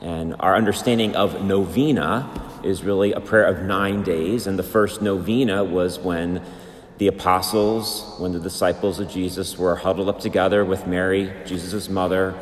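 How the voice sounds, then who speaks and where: In a large church with long cathedral reverb, an American priest chants the liturgical greetings as part of a sermon and liturgical reading. His low male voice is amplified in the reverberant space and keeps a steady tone at a moderate pace.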